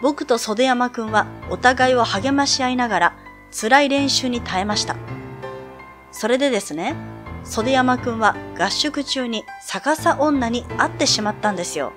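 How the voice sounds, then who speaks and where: Schoolboy telling a spooky story, calm and low-key, voiced by a woman reading a game. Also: moderate pace, music in the background, lightly acted. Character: male high school student telling a ghost story. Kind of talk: reading a sound novel's narration aloud.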